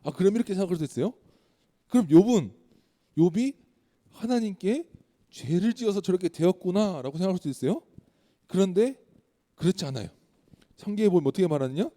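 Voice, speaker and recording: A man preaching to schoolchildren keeps asking them questions as he tells the story. His voice is fairly high and very mellow. Every word rings out with a long reverb in a church hall. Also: brisk, pauses often. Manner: questions to the children, lively retelling. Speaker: children's pastor. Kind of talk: children's sermon storytelling.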